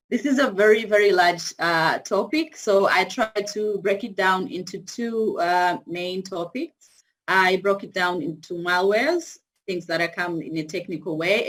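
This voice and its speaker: Tanzanian woman presenter with a lowish voice. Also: a bit bright. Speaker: guest speaker, university cybersecurity lecturer. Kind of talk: informal online presentation explaining concepts. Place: video call.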